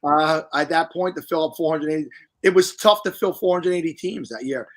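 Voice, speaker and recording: A man's voice: on the high side, fairly quick. A middle-aged man hosting a casual livestream podcast, chatty and rambling with joking asides. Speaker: podcast host.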